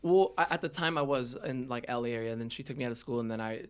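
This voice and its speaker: A man appears as a podcast guest, a hip-hop artist from the Los Angeles area, relating his story in a casual, slang-filled way. He talks quickly at a medium pitch with a clean tone.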